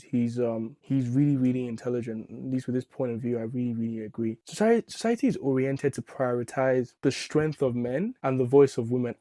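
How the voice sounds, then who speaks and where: A man's voice: mid-range voice, warm tone, dry recording. Man, reaction host, casual commentary, opinionated, fillers and restarts, dry close sound.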